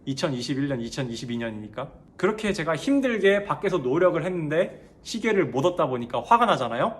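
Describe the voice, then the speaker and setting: A man telling a personal story in a casual monologue, animated and emphatic, switching between polite and blunt speech. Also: a little high, quick pace. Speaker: speaker sharing a personal story.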